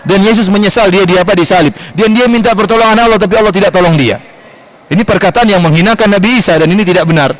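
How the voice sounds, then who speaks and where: A male preacher with a fairly high voice lectures at a quick clip. He lifts his voice when he quotes scripture, giving the talk an animated, emphatic drive. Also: rough recording. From Indonesia. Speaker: Islamic preacher. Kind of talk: religious study lecture. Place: large mosque.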